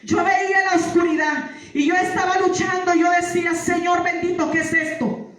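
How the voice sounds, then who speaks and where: A woman's voice: extremely high pitch, level tone, moderate pace. Fervent woman testifying in echoey church. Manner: repeats phrases, interjects praise; fervent, rising to shouts. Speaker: testimony giver. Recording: echoey hall, far from mic.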